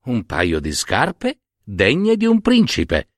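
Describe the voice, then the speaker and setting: A man's voice: mid-range voice, wildly swooping pitch, takes it slowly, no echo, clean studio sound, full character voice. A man voicing a poor shoemaker's wife in a storybook reading, raising his voice to play a plain, practical woman. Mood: homely, practical.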